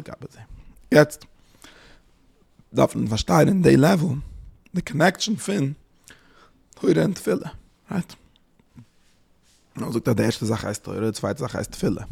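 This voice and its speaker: A man giving a spoken religious lecture as a teacher, halting and searching for words, often dropping in English terms. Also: medium pitch, creaky, a little mellow, breathy edge.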